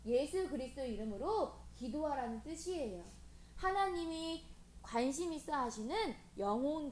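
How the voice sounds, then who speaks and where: A woman preaching to children, animated and gently coaxing, often asking them questions. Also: sits high. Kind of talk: children's sermon. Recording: echoey room with faint hiss.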